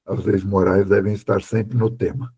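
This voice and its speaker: A man adding brief, measured comments as a guest contributor. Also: lowish voice, little pitch movement, warm tone, slightly rough.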